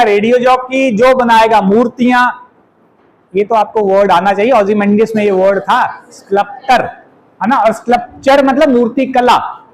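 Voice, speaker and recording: A man teaching an exam vocabulary lesson, chatty and teasing, reading definitions out slowly. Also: very high-pitched, rough recording. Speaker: English teacher.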